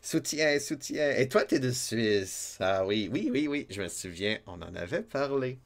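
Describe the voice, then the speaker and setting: A man's voice: mid-range voice, sing-song, measured pace. A man with a Québécois accent streaming a retro game, chatting and joking with his viewers and laughing often. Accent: Québécois French. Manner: chatty, jokey, laughs often, reads chat aloud. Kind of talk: casual let's-play chat with viewers.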